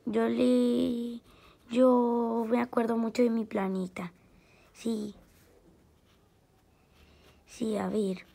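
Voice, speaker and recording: A woman's voice: on the high side, level tone, very slow, gravelly, long pauses, mellow. A woman chatting playfully while drawing, muttering to herself as she works. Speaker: channel host. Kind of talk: casual chat while drawing.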